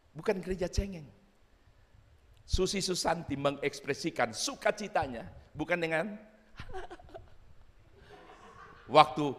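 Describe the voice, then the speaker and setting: A male pastor preaches in a high, bright, lively voice. He is animated and acts out quotes with shouts and laughter. The sound carries the long echo of a large church hall. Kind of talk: sermon.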